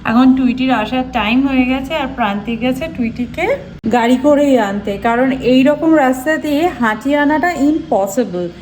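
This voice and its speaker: A woman's voice: sits high, moderate pace, a little hiss or hum. A woman in her thirties with a Bengali accent, chatting casually in a home vlog and explaining cooking tips step by step. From India. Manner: speaks softly so as not to disturb others. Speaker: vlogger.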